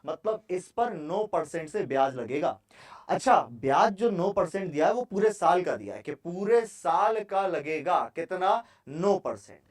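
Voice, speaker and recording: Guy teaching maths, highish voice, mic a little far off, walks thru the sums asking himself questions. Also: very animated, measured pace. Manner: talks students through sums step by step, asking and answering his own questions. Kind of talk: exam-prep maths lesson.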